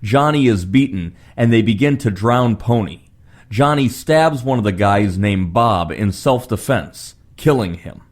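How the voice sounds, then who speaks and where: A man's voice: lowish voice, animated, unhurried. A man reading a scripted plot summary as a film reviewer.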